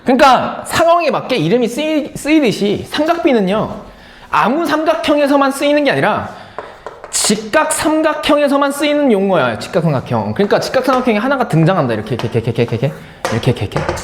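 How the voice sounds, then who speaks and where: A man's voice: extremely high pitch, sing-song, quick pace, roomy sound, a little hiss or hum. A man teaching a live math class, playful and drilling key terms by repeating them. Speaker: math instructor.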